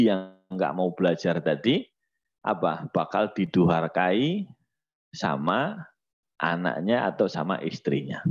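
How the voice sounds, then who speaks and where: A man's voice: low voice, muffled recording. A male religious teacher giving a lesson with jokes, mixing Arabic recitation with casual, teasing talk. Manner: lively, teasing, mixes Arabic recitation with colloquial speech.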